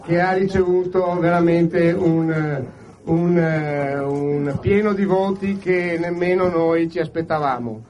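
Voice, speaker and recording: A man with a Venetian accent giving a political introduction speech in a halting way, repeating his phrases. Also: high voice, far from the mic, rough recording. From Veneto, Italy. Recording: live event with crowd noise. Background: crowd.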